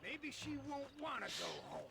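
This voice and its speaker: An actor voicing a crude, taunting captive outlaw in a video game, sneering and vulgar. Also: male voice, very high-pitched, big pitch swings, normal speed, vocal fry, pushed and bright, exaggerated voice.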